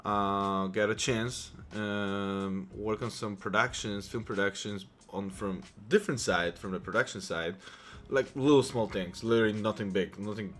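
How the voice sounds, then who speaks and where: A man's voice: lowish voice, normal speed, fairly bright tone, a little hiss or hum. A man in his thirties from Poland with a Polish accent, telling his life story to camera in a chatty, rambling way with many restarts. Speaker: vlogger. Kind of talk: casual personal storytelling to camera.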